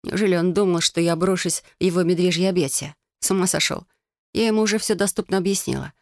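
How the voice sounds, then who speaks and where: A woman's voice: lowish voice, fast talker, no echo, clean studio sound. A woman narrating a first-person fantasy romance audiobook in a sardonic, sarcastic manner.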